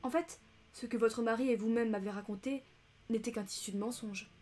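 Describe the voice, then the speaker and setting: A woman voicing a shrewd, polite male detective who questions calmly and insistently in an audiobook reading. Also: fairly high pitch, fairly quick, natural voice.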